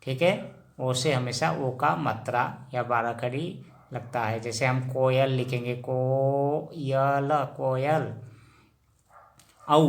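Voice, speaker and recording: A man gives a slow, patient language lesson. He drills syllables one at a time, drawing each out, and his voice sits at an ordinary middle pitch. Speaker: teacher.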